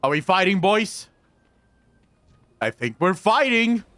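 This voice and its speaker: This man's voice sits high and is very animated yet slow, with a slightly bright tone. As a streamer and video creator, he commentates gameplay casually, using frat-bro slang, cursing often and addressing viewers as "boys" and "bro" like friends. The recording is dry, with soft music in the background.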